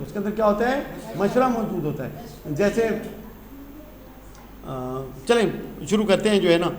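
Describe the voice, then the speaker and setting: A man's voice: high voice, echoey room, a little hiss or hum. A man teaching English grammar, switching between English phrases and explanations and answering his own questions.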